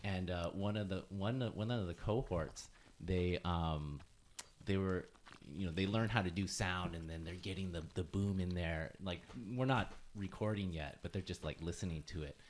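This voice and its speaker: A man's voice: sits low, normal speed, slight background noise. A man hosting a podcast interview, talking casually with many fillers and restarts and laughing easily. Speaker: podcast host.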